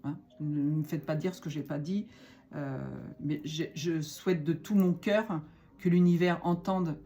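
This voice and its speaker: A woman's voice: low-pitched, fairly even intonation, unhurried, dark tone. A woman giving a spiritual card reading, chatty and encouraging, with many fillers and restarts. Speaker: card reader.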